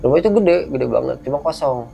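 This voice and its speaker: A man's voice: medium pitch, fast talker, creaky, faint music behind. A man telling a personal story in casual speech, acting out the dialogue as he goes. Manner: vivid, animated retelling with quoted dialogue.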